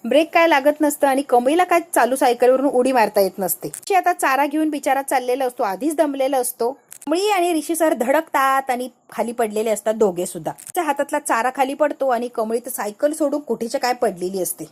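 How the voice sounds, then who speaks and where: A woman's voice: high-pitched, expressive, a little fast, a little mellow. A woman retelling the plot of a TV serial in a chatty storytelling way, slipping into quoted dialogue. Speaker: TV serial recap narrator.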